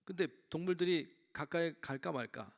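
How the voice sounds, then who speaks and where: A male pastor with a gravelly, slightly high voice preaches in a church. He tells a fable in a storytelling manner and keeps asking the congregation questions. His delivery is conversational. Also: moderate pace. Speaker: senior pastor. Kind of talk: sermon.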